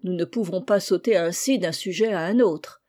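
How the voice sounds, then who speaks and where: A woman reading the lines of a calm, patient male doctor who teaches his niece, in an audiobook. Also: on the low side, moderate pace, close to an everyday voice. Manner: calm, didactic.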